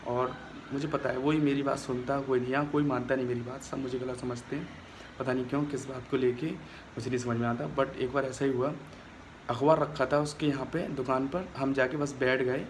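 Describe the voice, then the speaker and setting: A man's voice: medium pitch, fairly even intonation, brisk, slight background noise. A young man talking straight to his phone camera in a casual vlog, aggrieved and complaining as he retells a quarrel. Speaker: vlogger.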